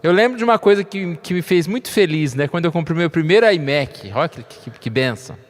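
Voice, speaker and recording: Male pastor, fairly high voice, conversational sermon with light jokes, long church reverb. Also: a little fast. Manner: conversational, frequent tag questions, light humor.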